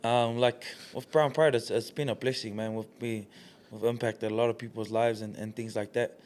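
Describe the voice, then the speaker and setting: A man's voice: medium pitch, fairly even intonation, normal speed, darkish tone, slight background noise. A man, a guest talking in a casual, earnest interview, leaning on lots of "like" fillers. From New Zealand. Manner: earnest, laid-back, many "like" fillers. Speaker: guest, community leader.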